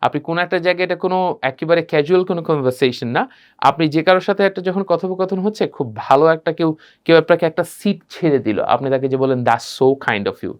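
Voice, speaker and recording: A man teaching a spoken English class, switching between Bengali and English and modeling phrases with expressive repetition. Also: a little high, racing, clear, resonant tone. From Bangladesh.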